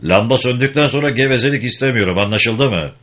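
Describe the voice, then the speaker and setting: A man's voice: mid-range voice, quick pace, a bit bright, voice pushed up, lightly acted. A man voicing a strict rancher father who scolds his sons. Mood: stern. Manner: gruff scolding. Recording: dull lo-fi recording.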